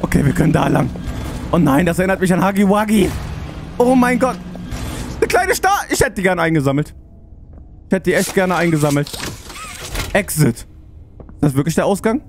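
Guy with a high voice talking thru a spooky game, music loud underneath. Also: sing-song, moderate pace, creaky, pauses often. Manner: chatty, talks himself through puzzles, easily spooked. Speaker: let's play gamer. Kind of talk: let's play commentary.

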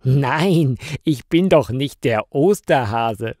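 A man voicing an odd grown man in a rabbit costume who answers calmly and matter-of-factly in a story for learners. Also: mid-range voice, no echo. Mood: unbothered. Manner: calm, matter-of-fact, slightly hurried.

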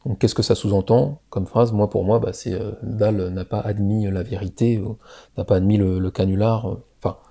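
Gravelly, hesitant French-speaking man. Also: lowish voice, steady tone, normal speed, warm tone. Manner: hesitant, many fillers, asks "d'accord?" often. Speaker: video creator. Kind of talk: casual explanatory monologue.

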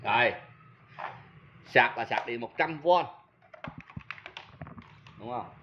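A man's voice: mid-range voice, slow, highs cut off, noisy background. A man with a southern Vietnamese accent, a seller of used power tools, giving a casual product demo and talking straight to his viewers in a chatty, self-mocking way.

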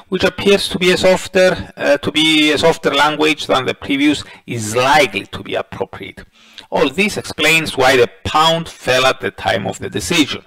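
A middle-aged man presenting a daily market review, reading prepared commentary in a measured way with frequent filler sounds and restarts. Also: a little high, gravelly, pushed and bright, low-quality recording. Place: voice-over over presentation slides.

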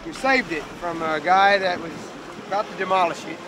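A man's voice: high voice, brisk, noisy background. A man and boat owner telling folksy, chuckling anecdotes to a crowd outdoors on a beach. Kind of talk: casual storytelling to a crowd.

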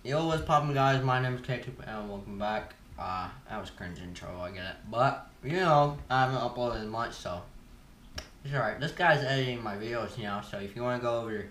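A man's voice: medium pitch, normal speed, fairly bright tone, slight background noise. A teenage boy hosting a casual Q&A vlog, chewing gum and rambling laid-back with lots of fillers. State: chewing gum while talking. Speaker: YouTuber host. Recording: roomy echo, from a distance.

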